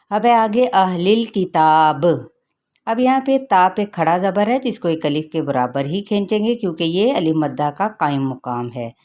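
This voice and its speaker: A woman's voice: fairly low pitch, lively intonation, measured pace, darkish tone. A middle-aged woman teaching Quran recitation rules, explaining patiently and asking her students questions as she goes.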